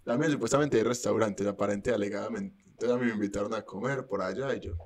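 A man's voice: fairly low pitch, fast talker. A young man rambles through a story in casual chat. His talk is joking and packed with street slang.

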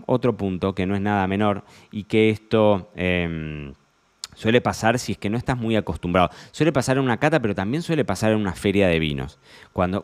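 Argentine male sommelier host, fairly low voice, loud and chatty, playful asides. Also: smooth. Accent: Argentine Spanish. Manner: chatty, joking, lots of fillers and restarts. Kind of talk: casual monologue podcast.

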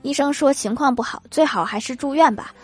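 A woman hosting a comedy podcast reads funny anecdotes briskly in a high voice, acting out the quotes. She laughs at her own punchlines, and soft music plays in the background.

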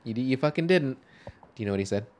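Man, podcast co-host, casual movie chat, profane, rambling, jokey, middle pitch. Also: lively intonation, fast talker.

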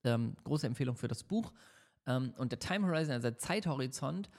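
A man's voice: mid-range voice, lively intonation, brisk, darkish tone. A man giving motivational career advice in a podcast, talking straight to the listener with many fillers and tag questions. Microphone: studio microphone.

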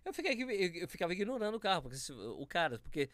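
A man from São Paulo, Brazil, with a São Paulo accent, telling stories in a casual, animated chat and acting out the people in them. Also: sits high, racing, no echo. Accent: São Paulo Portuguese.

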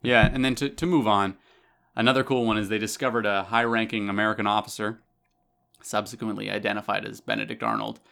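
A man's voice: lowish voice, fairly even intonation, a little fast, gravelly, sharp tone. A man co-hosting a podcast, explaining history casually to listeners, with emphatic asides and some restarts. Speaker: podcast co-host.

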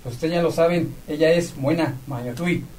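High-voiced man hosting, distant noisy mic. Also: normal speed, darkish tone. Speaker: event host. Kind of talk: live event presenting.

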